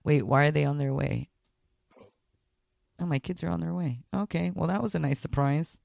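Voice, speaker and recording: A man's voice: a little high, moderate pace, creaky, darkish tone, dry recording, clean studio sound. A man chatting casually as a podcast guest, talkative and repeating words as he goes. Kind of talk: casual chat.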